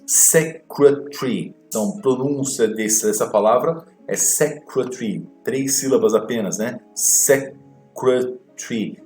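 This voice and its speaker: A man teaching an exam walkthrough lesson, explaining slowly and repeating words to model their pronunciation. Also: medium pitch, roomy sound. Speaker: English teacher.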